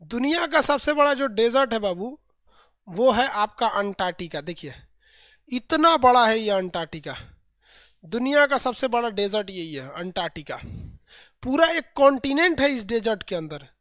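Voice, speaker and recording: Playful teacher drilling country names. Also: male voice, very high voice, very animated, normal speed, fairly bright tone, no room sound, clean studio sound. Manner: drills lists by repetition, colloquial and playful. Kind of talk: live online geography class.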